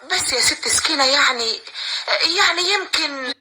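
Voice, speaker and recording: A woman's voice: high voice, normal speed, heavy background noise, natural voice. An actress playing a timid young orphan woman with an Egyptian accent, hesitant and pleading. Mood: wary. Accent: Egyptian Arabic.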